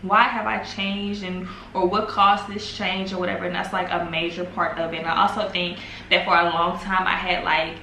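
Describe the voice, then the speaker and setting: A woman in her twenties, talking to the camera in a casual, reflective vlog, musing slowly and trailing off with fillers at home. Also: medium pitch, sharp tone, slight background noise. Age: 20s. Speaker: vlogger. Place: home, in the evening. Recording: echoey room with faint ambience.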